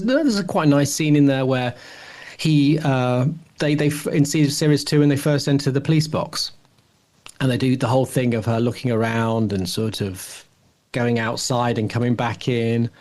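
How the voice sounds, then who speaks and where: A middle-aged man co-hosts a podcast in loose, easygoing chat, his medium-pitched voice slightly mellow. He thinks out loud, hedging and circling his points in a rambling, reflective way.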